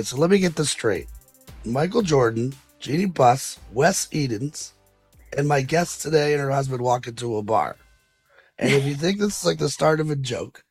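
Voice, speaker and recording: A man's voice: on the high side, a little mellow, breathy edge. A man hosting a podcast interview, talking loosely with many fillers and restarts. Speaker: podcast host.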